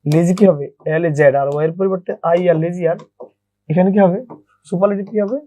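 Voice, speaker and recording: A man's voice: sits high, fast talker, mellow, dry recording. A man teaching an English grammar lesson, often repeating his own questions and answering them. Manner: repeats questions and answers them himself, calls listeners brother.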